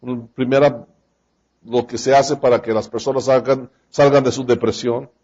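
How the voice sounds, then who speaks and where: A man's voice: mid-range voice, little pitch movement, normal speed, mellow, husky, dull audio. A man preaching a sermon, speaking straight to his congregation and acting out the lines he quotes. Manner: addresses the congregation directly.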